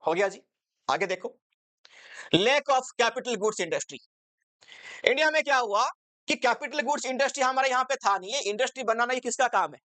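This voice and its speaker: A woman teaches a commerce lesson in a conversational, exam-focused way, constantly quizzing her students with rhetorical questions. Her voice sits fairly high. The recording is dry, with no room sound. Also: lively intonation, normal speed, long pauses, a bit bright, no room sound. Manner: conversational, asks students rhetorical questions, mixes English terms into Hindi.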